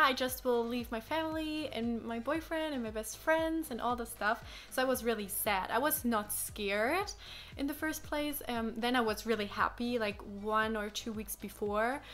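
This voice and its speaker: A fairly high, slightly bright voice belongs to a young adult woman, German by first language, who chats casually while answering questions. She fills her speech with fillers and acted-out quotes, seated in a small living room with a sofa.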